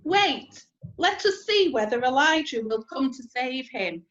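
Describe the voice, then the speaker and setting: A woman as a slow, high-voiced jeering bystander. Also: expressive, a bit bright. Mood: curious, scoffing. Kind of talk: dramatised scripture reading. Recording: slightly muffled recording.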